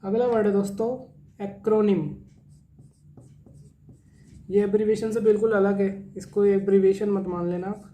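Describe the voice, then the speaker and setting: Man, vocabulary teacher, soft mellow tone, spells and repeats each word patiently. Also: sits high, flat delivery. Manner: spells out words and repeats meanings slowly; mixes Hindi explanation with English definitions. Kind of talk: exam vocabulary lesson.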